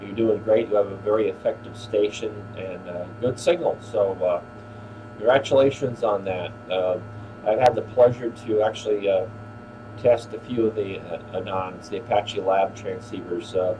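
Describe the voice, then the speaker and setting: An older man with a fairly low voice hosts a casual ham radio exchange. He is courteous and appreciative, speaking in procedure words. A clear humming noise sits behind him. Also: moderate pace. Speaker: radio operator hosting an on-air rally. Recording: clearly noisy, steady hum.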